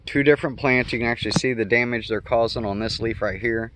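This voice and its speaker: Low-quality recording with a bit of hiss or hum: a man with a mid-range, fairly bright voice talks quickly while touring his garden yard. He's a homestead vlogger giving an unscripted, casual explainer, reasoning aloud and self-correcting.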